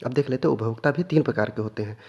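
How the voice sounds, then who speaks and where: A man's voice: medium pitch, racing, husky, dull audio. A man teaching an exam revision lesson, asking questions and answering them himself, stressing the key points again and again. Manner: repeats key points and quizzes listeners with questions.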